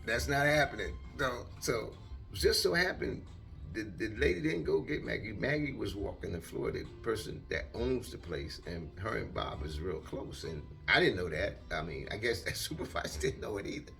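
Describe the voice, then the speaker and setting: A man's voice: on the low side, moderate pace, vocal fry, faint music behind. An older retired man telling a long casual story in a rambling way, acting out what people said. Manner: rambling, animated, acts out quotes.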